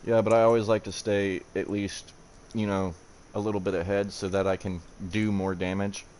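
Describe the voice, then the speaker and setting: Low-voiced man in casual gaming chat. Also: level tone, moderate pace, darkish tone, a little hiss or hum. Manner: casual, profane banter. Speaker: gaming streamer.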